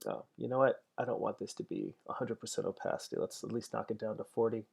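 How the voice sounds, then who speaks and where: A man's voice: fairly low pitch, fairly even intonation, quick pace, vocal fry, darkish tone, breathy edge. A man in his forties chatting casually as he paints on a livestream, thinking aloud and answering viewer comments. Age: 40s. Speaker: digital painter streaming his work.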